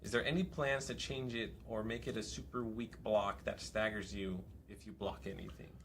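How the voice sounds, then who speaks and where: A man hosting a livestream Q&A, reading community questions in an upbeat, quick, casual way. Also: on the low side, fairly even intonation, a little hiss or hum. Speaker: host.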